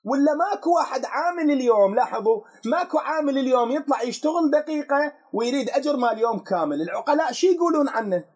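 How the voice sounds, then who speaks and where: A man with an Iraqi accent teaches a religious law lesson in a very high voice. His tone is husky and breathy. He keeps putting questions to his listeners and then answering them himself. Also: expressive, fast, few pauses, a little mellow. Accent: Iraqi Arabic.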